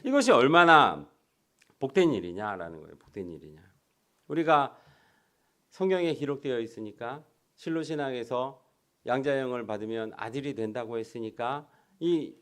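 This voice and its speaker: A middle-aged man preaching a sermon as pastor, asking rhetorical questions and answering them himself, swinging between loud emphasis and quiet asides. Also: medium pitch.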